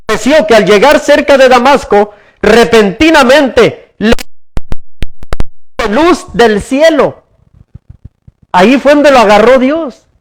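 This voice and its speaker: High-voiced preaching pastor. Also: male voice. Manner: preaching with rhetorical questions to the congregation, repeating words as he goes. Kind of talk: sermon. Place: church.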